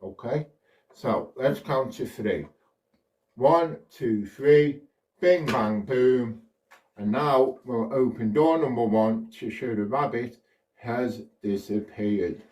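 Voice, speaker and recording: A man's voice: mid-range voice, takes it slowly, a little mellow. Kids party magician, a man, heard from afar. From United Kingdom. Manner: simple, playful kids party magician delivery with counting and questions. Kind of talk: scripted children's magic patter. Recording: distant microphone.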